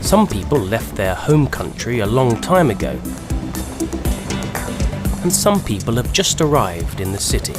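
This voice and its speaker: Lively-toned male narrator over music. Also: mid-range voice, a little slow, long pauses. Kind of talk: scripted documentary narration.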